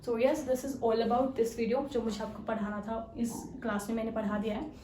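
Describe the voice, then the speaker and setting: A woman's voice: a little high, steady tone, moderate pace, warm tone, distant mic. Echoey, off-mic woman teaching chemistry. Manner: explains step by step with frequent rhetorical questions and "theek hai"; mixes English technical terms into her talk. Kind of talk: exam-prep lecture. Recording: echoey room, voice a bit off-mic, faint hiss.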